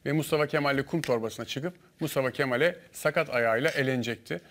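A man guest on a studio panel, telling a lively story and acting out the dialogue. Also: mid-range voice, fast. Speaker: guest, former contestant.

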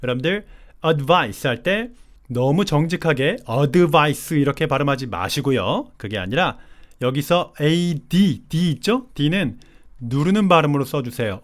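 Korean-accented male English teacher, slightly high voice, slows down for the English lines. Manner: slow careful English read-alouds between brisk explanations. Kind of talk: spoken lesson.

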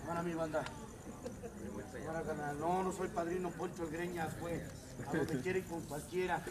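At a recovery group meeting, a Mexican-accented man delivers a profane, comedic testimony, swinging from low muttering to loud, shouted rants. His tone stays steady at a moderate pace, and a crowd can be heard in the background.

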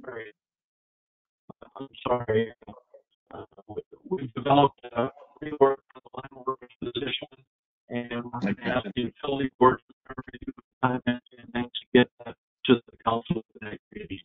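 A man calling into a council meeting as a staff member, his audio breaking up and cutting out, speaking haltingly with many fillers. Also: medium pitch, fairly even intonation, soft background music. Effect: remote call-in audio breaking up and cutting out. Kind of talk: remote meeting report. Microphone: phone or computer call-in. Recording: tinny phone-like call line, dry.

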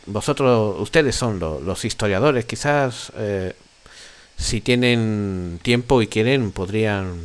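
Man acting humble church priest, Castilian accent, lowish, courteous, gentle, hesitant, tabletop game. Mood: informative, courteous. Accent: Castilian Spanish. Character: kindly, humble, talkative male church priest. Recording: faint noise on voice chat.

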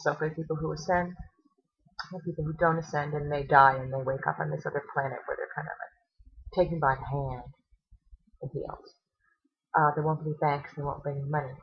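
A woman's voice: deep voice, highs cut off. A woman making a video response, indignant and sarcastic, firing off rhetorical questions. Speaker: video blogger.

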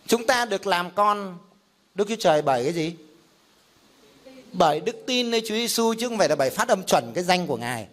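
A middle-aged pastor teaches a Bible class. His voice sits fairly high for a man, and he asks rhetorical questions and gives examples as he explains. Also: expressive, fairly quick.

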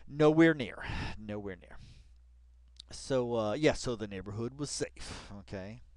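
A video commentator reads along with an article, rambling excitably, repeating phrases for emphasis, and swearing freely. His voice is medium-pitched and a little slow, with clean, dry studio sound.

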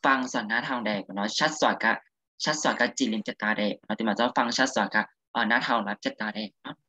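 A man teaching Thai, spelling out syllables one by one for a learner to repeat in a relaxed, chatty way. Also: on the low side, quick pace, dry recording. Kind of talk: spelling drill, casual lesson.

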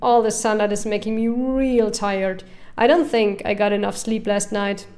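A woman's voice: medium pitch, steady tone, a little slow, darkish tone, close to an everyday voice. A woman reading the lines of an easygoing young dad, the player character.

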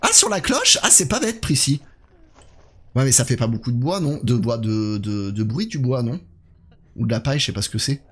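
A man's voice: mid-range voice, sing-song, normal speed, a bit bright, slightly rough. A man doing casual live commentary on a horror game while chatting with his viewers.

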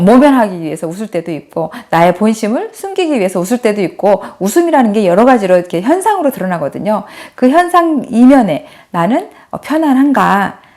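Gentle woman lecturing, storytelling. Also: mid-range voice. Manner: gentle storytelling, acts out a child's and adults' voices in quotes. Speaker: lecturer for mothers. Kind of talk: spoken lecture with anecdotes.

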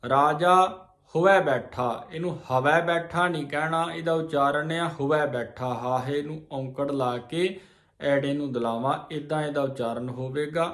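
A man teaching scripture pronunciation, reciting each verse slowly and then spelling out its syllables. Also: a little high, fairly even intonation, reverberant. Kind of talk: slow pronunciation lesson on scripture.

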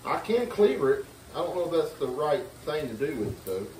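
A man's voice: on the high side, big pitch swings, fairly quick, very noisy. Joking man cooking in a kitchen. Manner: joking, playful banter. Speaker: cooking show co-host. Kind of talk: casual home cooking chat. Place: home kitchen, indoors. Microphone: far camera across the room. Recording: echoey kitchen from far off.

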